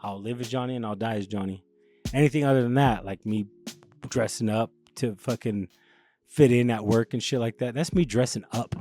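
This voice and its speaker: A man's voice: mid-range voice, fairly quick, dark tone, faint music behind. A young man from the Los Angeles area, hosting a casual chat, rambling with many restarts and plenty of swearing. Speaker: podcast host.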